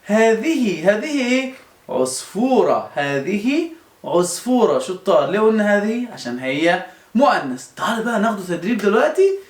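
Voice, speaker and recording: A man's voice: sits high, big pitch swings, brisk. A man with an Egyptian accent teaching young children, coaxing them with repeated questions and answers. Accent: Egyptian Arabic. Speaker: primary school teacher. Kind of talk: children's lesson. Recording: roomy echo.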